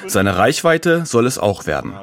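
A man's voice: medium pitch, sing-song, unhurried, a crowd in the background. A man narrating a scripted radio documentary as a reporter.

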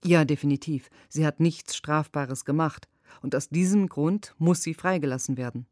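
A woman reading a lawyer's translated interview answers in a measured, earnest way. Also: low-pitched, darkish tone, no room sound, clean studio sound.

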